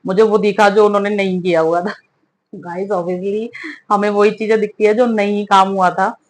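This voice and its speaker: A woman's voice: mid-range voice, level tone, moderate pace. A middle-aged woman who is a mother, telling a casual, chatty home story as a vlogger and laughing often as she goes.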